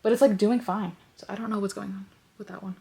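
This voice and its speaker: Sitting in her bedroom, a congested, sniffly young woman rambles through a casual vlog chat full of fillers. This lifestyle vlogger speaks quickly at a medium pitch, with a steady, warm, creaky voice.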